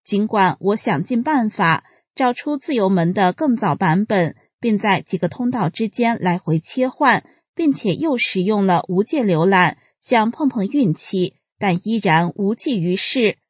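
Female reader, measured scripted delivery, husky timbre, dry close sound. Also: medium pitch, no echo. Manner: measured, even announcer-like delivery. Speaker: reader of published articles. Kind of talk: scripted reading.

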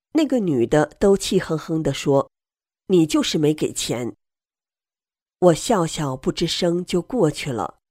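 Slow, lively-pitched woman narrator. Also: dry recording, clean studio sound. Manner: slow, measured storytelling read. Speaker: narrator reading a first-person account. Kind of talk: scripted narration.

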